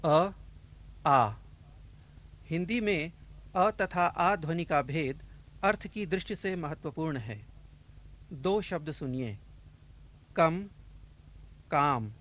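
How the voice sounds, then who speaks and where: A man teaching pronunciation in a careful drill, saying each word twice with deliberate enunciation. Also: on the high side, lively intonation, fairly bright tone.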